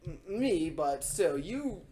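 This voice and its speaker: A man's voice: fairly high pitch, very animated, takes it slowly, dark tone. A young man co-hosting a casual chat with friends, teasing and laughing often. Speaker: podcast co-host.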